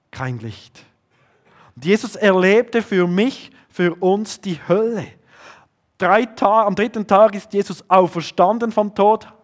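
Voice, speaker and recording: A man preaching a sermon, often dropping to a low hush to stress a point. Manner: earnest, drops to a low hush for emphasis.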